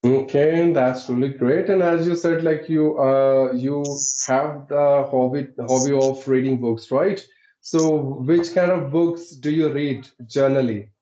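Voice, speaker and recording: A man from Uttarakhand, India, who runs an English-teaching channel, explains things politely during a conversation practice call, often adding "right?". His medium-pitched voice is mellow and unhurried, with fairly even intonation. The recording is echoey and has a dull, lo-fi sound.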